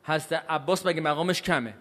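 Man, high-pitched lecturer from Iran, questions the crowd and answers himself, recorded in a reverberant hall. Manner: asks the audience questions and answers them himself; pace and loudness swing widely, from slow stresses to quick asides. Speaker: cleric giving a religious talk. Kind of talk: lecture to a live audience.

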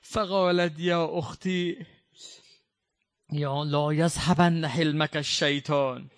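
A man giving a mourning sermon. He recites quoted lines slowly and drawn out, then explains them in plain speech, with fervent, impassioned delivery. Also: on the high side, fairly even intonation. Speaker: preacher.

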